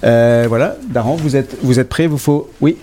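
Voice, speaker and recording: A man's voice: mid-range voice, dark tone, slight background noise. Jokey male radio interviewer, mid-range voice. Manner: informal, jokey, halting.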